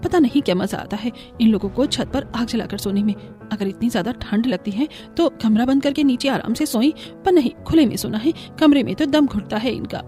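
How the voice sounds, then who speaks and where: A woman voices an exasperated, complaining daughter-in-law for an animated cartoon. Her voice sits a little high. Soft music plays underneath. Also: fairly quick. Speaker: voice actor for several characters. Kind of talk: Hindi cartoon voice acting.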